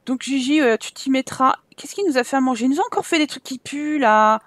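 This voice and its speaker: A woman's voice: high-pitched, a little fast, no room sound, clean studio sound. A woman giving casual game commentary as a let's play host, chatting and scolding her game characters in exasperation.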